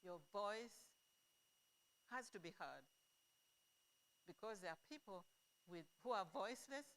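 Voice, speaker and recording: A middle-aged woman addresses a gathering in a slow, deliberate way, pausing between phrases. Her pitch sits in an ordinary middle range. She speaks earnestly and stresses her key words. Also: expressive, fairly bright tone, a little hiss or hum. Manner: slow, earnest and emphatic, with pauses. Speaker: event organizer giving a speech. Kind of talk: speech to an audience.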